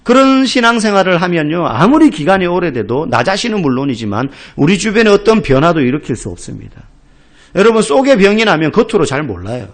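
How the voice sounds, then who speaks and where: A middle-aged Korean pastor delivers a sermon in a high, lively voice that swings widely in pitch. He tells stories vividly, acting out the people he quotes. He rises to loud, emphatic exclamations. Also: a little fast.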